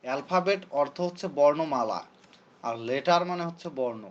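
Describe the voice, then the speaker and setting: Man teaching a class, slightly high voice. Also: expressive, a little fast, dull audio. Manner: repeats points and quizzes students. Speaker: English teacher. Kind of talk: classroom lecture.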